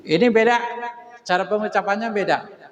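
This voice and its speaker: A man's voice: high voice, brisk, dull audio. A man teaching a Quran tajwid lesson, drilling syllables over and over for a group to repeat. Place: mosque hall. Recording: echoey mosque hall.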